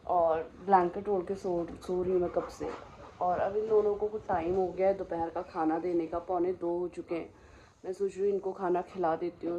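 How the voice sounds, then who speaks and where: A hoarse woman with a fairly low voice talks casually through her day for a vlog. Her throat is sore, so the words come out strained. A faint hum of the surroundings sits behind her. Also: mellow, low-quality recording. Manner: chatty, talks to her dogs between remarks. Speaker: vlogger.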